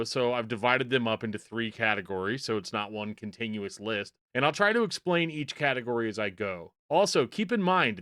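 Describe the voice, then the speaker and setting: A man's voice: mid-range voice, sharp tone, no room sound, clean studio sound. A man with a Midwestern American accent hosting a casual list video, chatty and wry as he talks straight to his viewers. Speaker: music video host.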